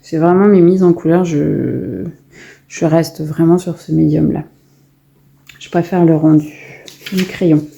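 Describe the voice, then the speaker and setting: A woman's voice: sits low, fairly even intonation, a little slow, vocal fry, pauses often, mellow. A woman casually showing her finished coloring pages in a vlog, chatty and full of hesitations and restarts. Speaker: coloring vlogger. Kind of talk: casual show-and-tell vlog.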